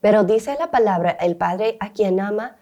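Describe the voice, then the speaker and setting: Mellow-voiced woman co-hosting a faith chat. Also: medium pitch, muffled recording. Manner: warm-hearted, candid, quick to laugh. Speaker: co-host.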